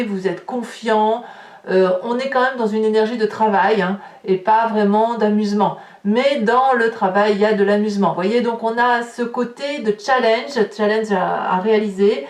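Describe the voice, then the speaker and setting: Tarot reader in an echoey room. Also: female voice, a little high. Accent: French. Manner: talkative, many fillers and restarts. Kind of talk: tarot reading for viewers. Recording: echoey room, voice a bit far from the mic.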